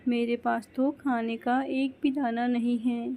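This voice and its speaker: A woman voicing an anxious, hurt mother sparrow who talks in a soft, complaining way. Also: a little high, flat delivery, unhurried. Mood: sad.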